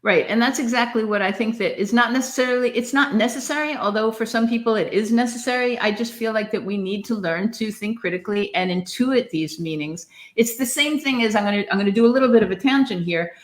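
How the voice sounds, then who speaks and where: A middle-aged woman co-hosts a podcast about literature, talking fast on the high side with hardly any pauses. She's casual but emphatic and opinionated, often drifting off into tangents.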